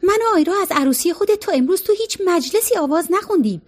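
A woman's voice: extremely high pitch, animated, voice pushed up. A woman voicing a reluctant middle-aged woman who hesitates and objects, in an audiobook reading. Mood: doubtful.

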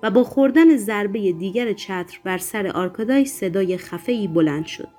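A woman reading a novel aloud in steady, measured scripted narration. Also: mid-range voice. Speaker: audiobook narrator. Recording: faint background music.

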